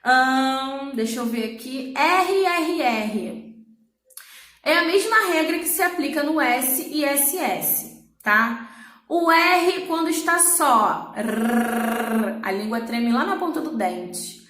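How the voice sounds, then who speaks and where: A woman teaching a recorded language class with a high, bright voice. She explains step by step and keeps checking that her students follow. The sound carries an echo from the room. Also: animated, slow. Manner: patient, explanatory, checks understanding with "tá?". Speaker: Portuguese teacher.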